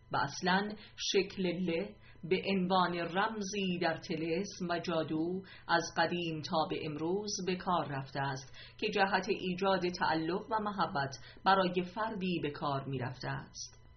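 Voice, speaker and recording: A woman reading a religious text aloud in a measured, deliberate way, going through numbered points. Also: lowish voice, lo-fi sound, a little hiss or hum. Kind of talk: scripted reading.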